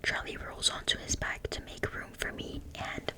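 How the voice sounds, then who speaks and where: An ASMR creator with a French accent whispers while reading a book aloud at a moderate pace. She softly stumbles over words now and then and corrects herself.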